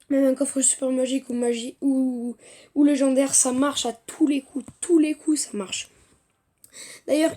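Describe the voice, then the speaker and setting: A woman giving casual commentary on her own mobile game, excitable and jumping between muttered asides and loud outbursts of playful trash talk, recorded on a phone mic. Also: high-pitched. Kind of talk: casual live gameplay commentary. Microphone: phone mic via screen recorder.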